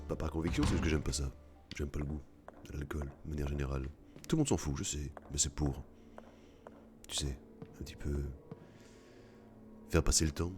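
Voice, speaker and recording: A man with an extremely deep voice talks through a horror game in a loose, joking commentary, swearing now and then at his mistakes. Faint game music plays underneath. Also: a bit bright. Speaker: let's play gamer. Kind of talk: casual gameplay commentary.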